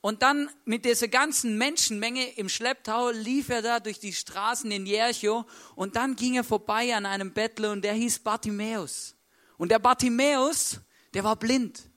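A man's voice: sits high, bright, forceful tone. A male preacher retelling a story in a casual, colloquial way, constantly tagging sentences with a questioning "right?" and acting out the people's lines. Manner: acts out the voices of the story's people. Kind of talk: sermon with storytelling.

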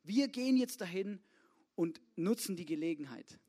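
A man's voice: sits high, animated, moderate pace, dark tone. A young man preaching a casual youth sermon, full of slang and often asking the listeners to agree. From Swabia, Germany. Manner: casual, informal, keeps asking "oder?".

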